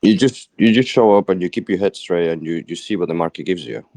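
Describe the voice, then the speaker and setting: British male trader, very deep voice, reflective rambler, dry close sound. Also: fast, mellow, no room sound. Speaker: fellow trader on stream. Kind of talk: casual stream chat.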